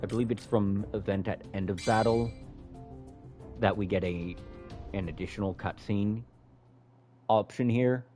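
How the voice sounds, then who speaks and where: Man, low voice, casual live gameplay commentary, explaining as he plays, soft music behind. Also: a little slow, long pauses. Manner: relaxed, explains game mechanics as he plays. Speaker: game streamer.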